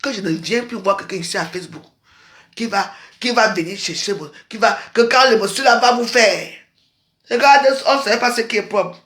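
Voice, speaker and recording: A woman in her fifties from Cameroon, ranting straight at the camera and scolding someone. She swings between loud outbursts and low muttering, and her voice rings in an echoey room. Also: moderate pace. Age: 50s. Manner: scolding, accusatory, shifts from shouting to quiet. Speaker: social media vlogger. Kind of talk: angry personal rant to camera.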